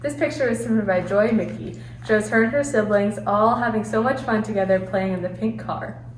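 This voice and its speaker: A woman's voice: medium pitch, brisk. A teenage girl co-hosting a student news segment, cheerfully reading scripted captions. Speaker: segment co-host. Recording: echoey room, distant mic, faint noise.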